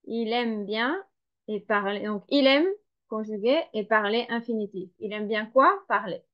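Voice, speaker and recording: A woman teacher reads a dictation at a very slow, deliberate pace, pausing to spell words and explain grammar. Her voice sits fairly high, and the recording sounds somewhat dull and lo-fi. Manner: slow, careful, spells and explains each word. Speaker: French teacher.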